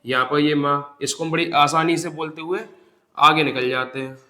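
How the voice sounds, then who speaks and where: A man teaching a Hindi grammar lesson for exam preparation, explaining step by step, repeating definitions, asking the class rhetorical questions and drawing out example words slowly. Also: fairly high pitch, steady tone, bright, forceful tone. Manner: addresses students as "bhai". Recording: echoey classroom sound.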